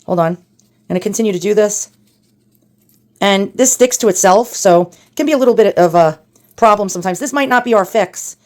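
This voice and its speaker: A woman chattily narrating a hands-on repair, thinking out loud and joking with viewers, her voice sped up so it sounds chipmunk-like. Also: mid-range voice, fairly quick. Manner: chatty, wry, thinks out loud, addresses viewers as boys and girls. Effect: sped-up playback, chipmunk-like. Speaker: antique collector and hobby restorer.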